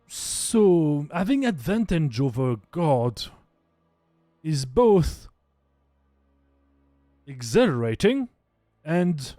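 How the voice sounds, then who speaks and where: A wary guardian woman of a warrior clan speaks slowly and gravely, picking her words with pauses, as a man plays her in his own voice. The recording is dry, with faint music beneath. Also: on the high side, big pitch swings, dark tone, no room sound, exaggerated voice. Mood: solemn wary. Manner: slow, measured, hesitant.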